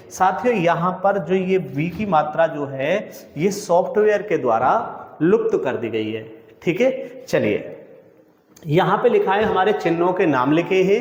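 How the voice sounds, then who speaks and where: A man with a slightly high voice teaches an exam coaching lesson. He poses each question and answers it himself, calling his listeners friends and brother. The recording sits in a room with a long reverb.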